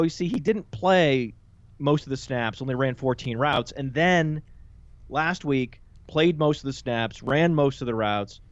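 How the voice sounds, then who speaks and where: A man talking as a guest analyst in a casual podcast chat, playful and quick with joking asides. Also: a little high, no room sound, dull audio. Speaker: guest fantasy football analyst.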